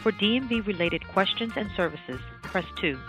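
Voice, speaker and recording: A woman reading a recorded phone menu message, giving scripted prompts in a measured, clearly enunciated way. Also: medium pitch, lively intonation. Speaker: automated phone line announcer. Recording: recorded message over music.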